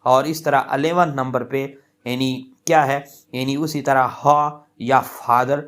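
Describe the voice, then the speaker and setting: A male teacher, lecturing at a very slow, unhurried pace. His voice sits at an average pitch, and he explains patiently, circling back over each point. He stretches out the example words as he says them. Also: fairly even intonation, fairly bright tone. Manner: slow, repetitive explaining with many fillers. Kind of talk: lecture on English pronunciation.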